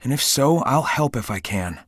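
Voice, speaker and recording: A man's voice: medium pitch, expressive, moderate pace, dry recording, clean studio sound, natural voice. A man voicing a cocky but caring young cartoon hedgehog hero in a video game, youthful, breezy, casual and confident. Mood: earnest, supportive. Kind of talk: video game character dialogue.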